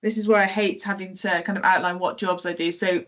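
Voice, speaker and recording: A woman's voice: mid-range voice, steady tone, a little fast. Chatty woman guest, casual storytelling. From South Wales. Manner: chatty, many fillers and self-corrections, light laughs. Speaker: teacher and podcast guest.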